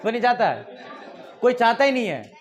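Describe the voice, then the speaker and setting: A man with an Indian accent teaches English to a class in Hinglish, mixing Hindi and English, often laughing and quizzing his students. His very high voice is very animated and fairly quick, with some chatter in the background.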